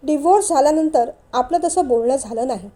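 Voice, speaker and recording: A woman reading the part of a gentle, emotional young woman who speaks softly and composedly. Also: sits high, a little fast, natural voice. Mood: calm.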